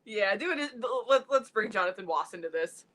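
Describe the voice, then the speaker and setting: A woman's voice: medium pitch, animated, brisk, sharp tone. A young woman co-hosting a live podcast, giggling and swearing in casual chat. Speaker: podcast co-host.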